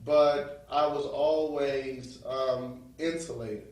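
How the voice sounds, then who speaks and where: A man's voice: mid-range voice, fairly even intonation, takes it slowly, darkish tone. Motivational male interview guest, New York accent, emphatic and preacherly, recorded off-mic with heavy room echo. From New Orleans. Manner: preacherly, emphatic, often checks listeners follow with "right?". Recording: very echoey room, distant microphone.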